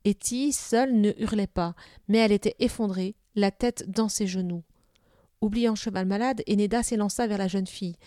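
A woman narrating a children's novel aloud in a steady, even storytelling manner. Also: medium pitch, moderate pace, no echo, clean studio sound.

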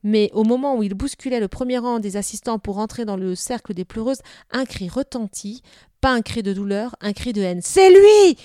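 A woman narrating a children's novel aloud in a steady, even storytelling manner. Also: mid-range voice, a little fast, dry recording, studio quality.

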